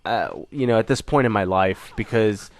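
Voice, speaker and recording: Getting over a cold, a young man who runs a gaming channel talks at normal speed in a low voice. His casual update rambles, packed with fillers and restarts.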